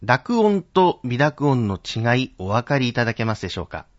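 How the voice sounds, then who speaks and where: Male pronunciation teacher, measured and deliberate, expressive intonation, dull lo-fi sound. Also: mid-range voice, no room sound. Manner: slow, careful enunciation of syllables. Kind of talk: Japanese pronunciation drill.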